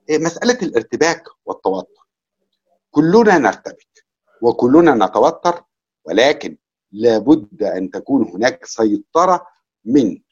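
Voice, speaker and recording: Husky Egyptian man talking, lo-fi. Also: medium pitch. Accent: Egyptian Arabic. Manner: reflective, with many fillers. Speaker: conference interpreter giving a talk. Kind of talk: lecture and casual Q&A.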